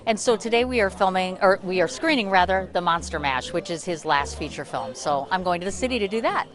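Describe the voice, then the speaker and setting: A woman's voice: fairly low pitch, animated, brisk. A woman speaking effusively and conversationally as an interview guest at an arts event. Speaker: radio host and writer, guest. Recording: faint music behind. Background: faint music at an event.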